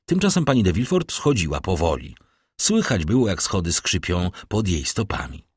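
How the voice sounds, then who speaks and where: A man narrating an audiobook in an expressive storytelling manner. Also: deep voice, moderate pace, husky, dry recording, studio quality.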